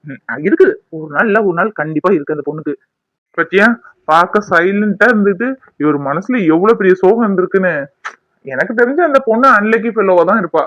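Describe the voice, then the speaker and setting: A man's voice: high voice, animated, fast talker, fairly bright tone, no echo, highs cut off. A man playing a teasing, friendly young husband. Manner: teasing, reassuring.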